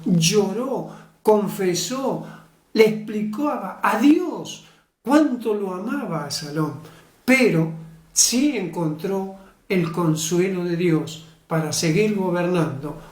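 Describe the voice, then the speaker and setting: Woman, preacher, slow emphatic sermon, echoey room, distant mic. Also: lowish voice, a little mellow.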